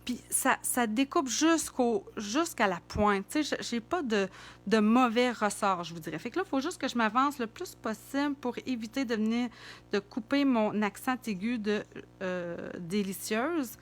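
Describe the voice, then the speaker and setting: A woman's voice: on the high side, expressive, moderate pace. Chatty Québécois woman crafting on camera. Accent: Québécois French. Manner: chatty, thinking aloud while working. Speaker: card-making demonstrator. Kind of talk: casual craft demonstration.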